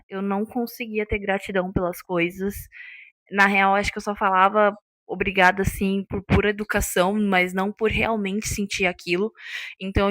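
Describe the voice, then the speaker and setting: A woman's voice: mid-range voice, fairly bright tone, no room sound. A woman, talking unscripted to her viewers in a casual vlog and checking in with them often. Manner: chatty, checks in with listeners often. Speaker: vlogger.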